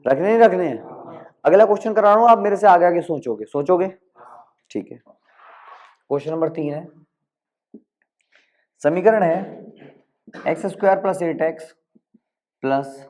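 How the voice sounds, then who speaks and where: High-voiced man tutoring maths, lo-fi. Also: darkish tone. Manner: coaxing, asks quick check questions and answers them himself. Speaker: maths teacher. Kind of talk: classroom-style exam tutoring. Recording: dull lo-fi recording.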